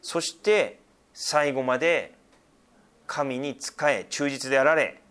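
A middle-aged male pastor with a somewhat bright, mid-range voice delivers a slow-paced sermon. He explains scripture in a conversational, teaching tone with frequent asides.

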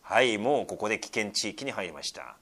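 Japanese pastor with a lively, swinging voice. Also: male voice, fairly low pitch, fairly quick. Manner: swings between loud scripture reading and soft, near-whispered asides; conversational, with many fillers and tag particles. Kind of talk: sermon reading scripture with commentary.

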